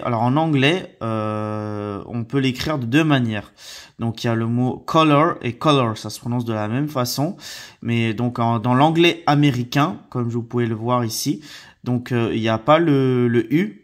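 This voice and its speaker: Hesitant man teaching vocabulary slowly. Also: mid-range voice. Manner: hesitant, many fillers, slow careful word repetition. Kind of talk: slide-based vocabulary lesson.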